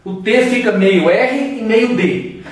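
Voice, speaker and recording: Speaking slowly in a high voice, a Brazilian man teaches English pronunciation in a relaxed way and stops now and then to model sounds. The recording is distant, with heavy room echo.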